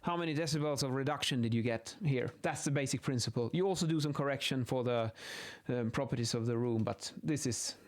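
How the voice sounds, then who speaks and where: A man with a mid-range voice talks briskly with few pauses. He's an acoustics instructor giving an informal, improvised lesson on measurement methods while sketching, thinking out loud and correcting himself as he goes.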